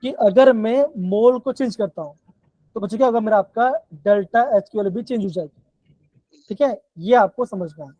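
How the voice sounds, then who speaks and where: A man's voice: moderate pace, warm tone, no room sound. A male chemistry teacher with a Himachali Hindi accent, giving a live online class and repeating his questions to the students over and over. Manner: repetitive, keeps calling the students "बच्चों". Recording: dull, dry low-fi online class audio.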